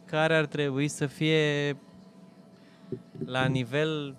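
A man in casual chat, arguing his point emphatically, with a rough, blunt way of addressing his friend. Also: a little high, level tone, slight background noise. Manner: emphatic, argumentative, calls people "bă" and "mă".

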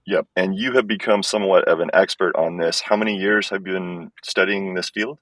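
A man's voice: low-pitched, steady tone, brisk, a bit bright, no echo. A male podcast host interviewing a guest in a casual way, his voice sounding tinny and metallic, as if he were talking in a tin can. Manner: casual, asks short questions. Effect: tinny tin-can sound from earbud mic. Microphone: wireless earbuds instead of studio mic. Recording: tinny earbud mic, thin and distant.

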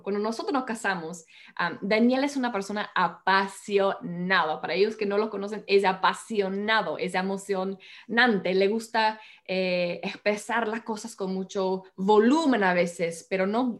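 A woman chatting earnestly with a partner, haltingly with many restarts. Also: a little high. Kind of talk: casual chat about marriage.

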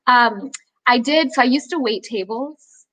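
A young woman tells a story in a chatty, animated way over a video call, filling her talk with "like". Her voice is bright and a little high. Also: measured pace, rough recording. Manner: chatty, fillers with "like". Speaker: guest actress.

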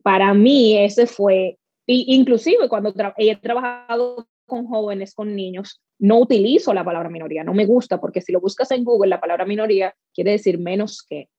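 A Dominican woman with a Dominican accent, a speaker and workshop leader, is a guest in a conversational interview, telling stories with animation and acting out the lines she quotes. Her mid-range, dark-toned voice moves at a moderate pace with hardly any pauses, and faint music plays behind her. The recording is slightly dull and dry.

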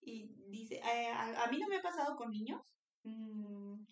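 A woman's voice: on the high side, animated, a little slow. A woman, co-hosting a podcast in casual, chatty conversation. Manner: chatty, supportive back-channeling. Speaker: podcast co-host. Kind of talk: casual chat. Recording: roomy, distant mic.

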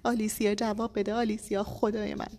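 A woman voicing a desperate husband who shouts and sobs in a read-aloud story. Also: medium pitch, flat delivery, voice pushed up, close to an everyday voice. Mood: anguished. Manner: shouting, sobbing pleas. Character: desperate husband, a man pleading and crying. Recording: long echoey reverb.

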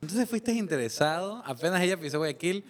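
A man's voice: high-pitched, expressive, fairly quick. A man hosting a podcast, asking questions and teasing his guests. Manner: teasing interviewer. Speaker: host. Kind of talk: podcast interview.

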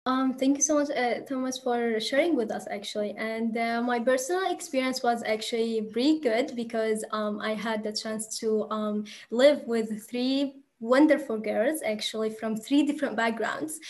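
Hesitant higher-voiced woman from Syria. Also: moderate pace, few pauses. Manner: hesitant, many fillers. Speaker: student panelist. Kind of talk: casual panel discussion.

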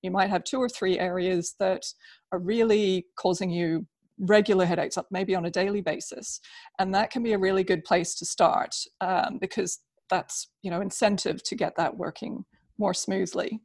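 A woman speaking as an interview guest, explaining things conversationally in an agreeable, measured way. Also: mid-range voice, steady tone, darkish tone, no echo. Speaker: interview guest, business process consultant.

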